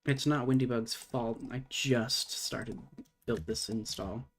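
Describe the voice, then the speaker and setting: Slow-talking man muttering while coding. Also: mid-range voice, fairly even intonation, a little hiss or hum. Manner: thinking aloud, muttering, swearing casually. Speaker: streamer coding live. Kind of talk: casual live-stream commentary while programming.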